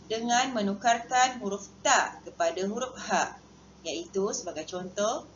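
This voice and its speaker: A woman teaching Islamic studies to young pupils, measured and patient, slowing down to recite Arabic examples. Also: mid-range voice. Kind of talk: recorded lesson for young pupils. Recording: dull lo-fi audio with faint noise.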